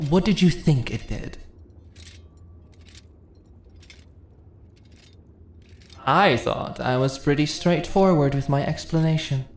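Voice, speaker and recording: A woman voices an immortal mistress of a fantasy dungeon in a scripted ASMR roleplay, her deep, mellow tone sly and commanding. Exasperated and patronizing, she teases and condescends with slow, theatrical persuasion, using pet names throughout in a full character voice. It's recorded in an echoey room with faint noise.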